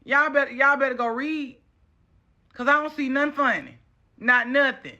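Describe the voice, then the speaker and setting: A woman's voice: high voice, moderate pace, pushed and bright, lo-fi sound. A woman with a Southern US accent giving an impassioned, casual social media rant, scolding and repeating phrases for emphasis.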